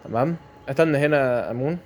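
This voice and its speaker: Talking fast in a mid-range voice, a gameplay commentator with an Egyptian Arabic accent chats his way through a mobile game match and tends to say the same phrases again and again.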